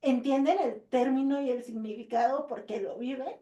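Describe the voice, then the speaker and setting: A woman with a Mexican Spanish accent, co-hosting a parenting podcast as a psychologist, telling a story with laughs and high-pitched child quotes. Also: moderate pace, mellow, echoey room, far from the mic, muffled recording. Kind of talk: casual podcast chat.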